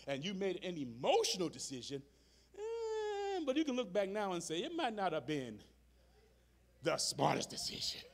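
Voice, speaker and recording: During a live service in a church sanctuary, a pastor delivers a sermon in a voice that sits high for a man and swings widely up and down. He speaks plainly, calls out to the people before him, and hammers his points home by repeating phrases in a steady rhythm.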